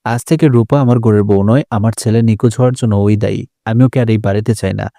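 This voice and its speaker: Stern middle-aged mother, sharp and demanding, read plainly by a male narrator; low-key dark tone. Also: steady tone, fast talker, gravelly, no room sound, clean studio sound. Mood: angry.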